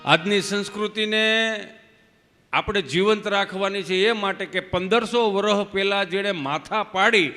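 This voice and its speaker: Man, live folk comedy, sharp bright voice, faint music, reverberant hall. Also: sits high, measured pace. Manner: chatty storyteller, moralizing asides. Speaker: stage comedian.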